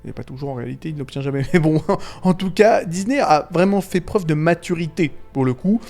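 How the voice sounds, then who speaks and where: A man giving casual, rambling video commentary on animated films, full of fillers, restarts, slang and chuckles. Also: a little high, fairly quick, vocal fry, soft background music. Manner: slangy and irreverent. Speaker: YouTube film commentator.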